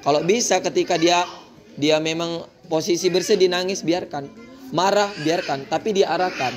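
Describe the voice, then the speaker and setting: A man, a kindergarten teacher giving a lively talk to parents and often addressing the mothers. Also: high voice, normal speed, faint music behind. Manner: animated, mimics children's voices, keeps addressing the mothers.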